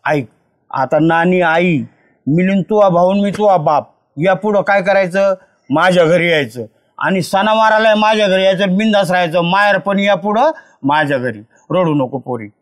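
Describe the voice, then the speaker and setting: Older man, rural Maharashtrian Marathi accent, high-pitched, fatherly, consoling village elder. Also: normal speed. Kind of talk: village family drama acting.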